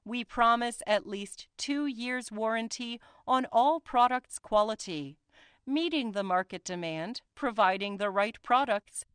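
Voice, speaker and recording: Woman, corporate voice-over, very slow deliberate delivery, smooth clear voice, dry close sound. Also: on the high side, fairly bright tone, dry recording. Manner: slow, careful, deliberate reading. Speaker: company spokesperson.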